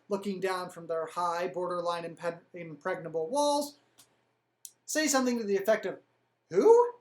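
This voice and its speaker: A woman hosting a history show, narrating with wry, sarcastic humor and lively asides. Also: medium pitch. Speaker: host.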